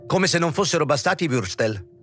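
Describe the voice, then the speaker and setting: Male reader playing an anxious, complaining actress; whiny, pitched up. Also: animated, brisk, fairly bright tone, faint music behind. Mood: indignant. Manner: fretful and whiny.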